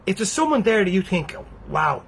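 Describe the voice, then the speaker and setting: A man's voice: high-pitched, sing-song, moderate pace, gravelly, a bit bright, husky. A man with an Irish accent giving a blunt, freely swearing motivational talk to his viewers. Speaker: motivational speaker.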